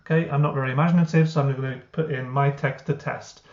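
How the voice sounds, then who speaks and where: A software founder talks fast through a screen-recorded tutorial walkthrough, his medium-pitched voice steady in tone. He explains things with plenty of uh and um fillers. The sound is echoey, roomy and dull, a lo-fi recording.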